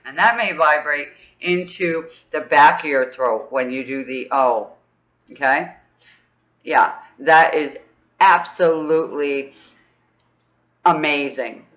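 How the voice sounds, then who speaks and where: A woman's voice: takes it slowly, pauses often, muffled recording. Bubbly woman leading chakra exercise. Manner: upbeat, chatty, ends phrases with "okay?"; bursts into high whoops. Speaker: spiritual teacher.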